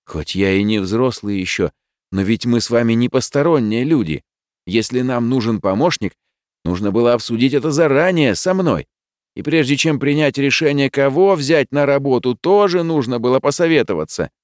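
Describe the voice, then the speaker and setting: A man's voice: medium pitch, slow pace, no echo, clean studio sound, voice pushed up, close to an everyday voice. A man playing a hot-tempered teenage boy. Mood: indignant. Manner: loud and exasperated. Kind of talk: audiobook character voice.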